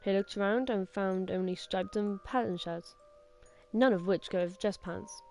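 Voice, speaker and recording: A woman casually reads a creepy story aloud on a game stream, stumbling and restarting often. Her pitch sits in a middle range for a woman, with faint game music behind. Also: creaky, mellow. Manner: halting, with many restarts and self-corrections.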